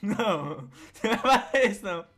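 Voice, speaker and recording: Animated and brisk, a young man with a high, rather bright voice and a Brazilian Portuguese accent hosts a gaming video. His commentary is playful as he teases his partner and dissolves into shrieking laughter.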